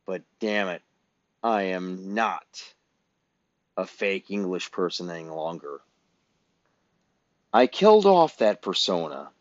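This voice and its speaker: A man's voice: deep voice, lively intonation, takes it slowly, pauses often, no echo. A man, ranting bluntly and profanely as a podcast host. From Illinois, US Midwest. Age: 50s. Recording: dull, dry lo-fi recording.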